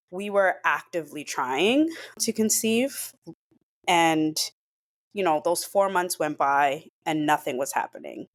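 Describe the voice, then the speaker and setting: A young woman as a podcast guest, telling a personal story in an earnest, emotional way, with lots of filler words. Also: low voice. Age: young adult.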